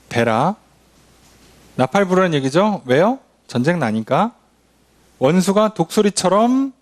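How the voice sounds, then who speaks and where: A man, a pastor, teaching a midweek Bible study in a conversational way, often asking the congregation questions and acting out quoted lines. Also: a little high. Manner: frequent affirming fillers and questions to the congregation.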